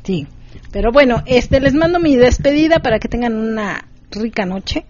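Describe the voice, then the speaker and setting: A woman's voice: on the high side, lively intonation, normal speed, darkish tone. A woman co-hosting a late-night radio show, playful and teasing as she chats and announces events. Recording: dull lo-fi radio sound with faint noise.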